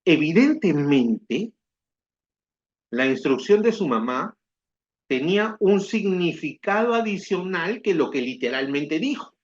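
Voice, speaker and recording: Guy teaching a tax class, kinda high voice, keeps checking if you got it, muffled lo-fi audio. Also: animated, measured pace, slightly rough. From Peru. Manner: explanatory, repeats "¿ya?" to check understanding. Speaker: tax instructor. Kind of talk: recorded seminar lecture.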